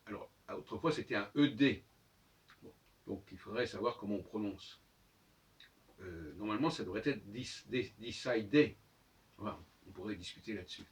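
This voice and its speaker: A man's voice: lowish voice, recorded from a distance. Man musing aloud, slightly off-mic. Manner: halting, with frequent fillers and restarts; spells out letters one by one. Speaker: host of his own channel. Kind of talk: unscripted solo monologue.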